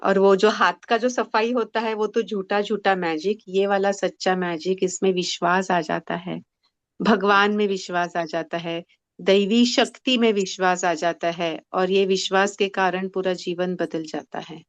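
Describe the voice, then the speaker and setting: A woman's voice: medium pitch, steady tone, measured pace, no room sound. A woman leading a spiritual workshop session, patiently explaining in Hindi mixed with English phrases. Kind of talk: teaching a group session.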